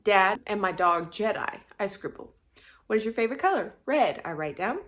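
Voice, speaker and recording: A woman teacher reading a children's chapter book aloud, expressive, with casual asides between passages. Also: mid-range voice, moderate pace.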